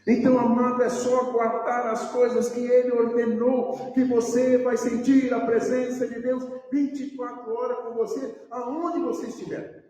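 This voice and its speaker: Echoey high-voiced Brazilian preacher. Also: male voice, flat delivery, measured pace, warm tone. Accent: Brazilian Portuguese. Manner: emphatic preaching, repeating phrases and calling out names. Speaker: pastor. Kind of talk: sermon. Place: church sanctuary. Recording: echoey church hall, voice from far off the mic.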